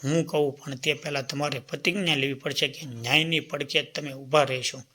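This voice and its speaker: Steady, earnest herder from a folk tale, unhurried, bright voice, voiced by a male narrator. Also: mid-range voice. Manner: measured, earnest pleading. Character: loyal male cattle-herder, steady and earnest foster father.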